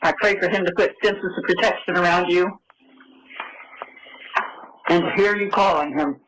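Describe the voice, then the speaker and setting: A man speaks to an inmate on a prison phone call, his voice set fairly high. He encourages the inmate with folksy sayings. Clear noise and clicks run under the line. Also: moderate pace. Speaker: caller to an inmate. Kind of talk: casual phone chat.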